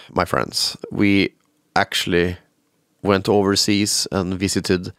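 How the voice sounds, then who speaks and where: Stuffy-nosed from a cold, a man who hosts a podcast and plays in a band rambles through a solo news update full of fillers. His lowish voice is clear and resonant, captured dry at studio quality.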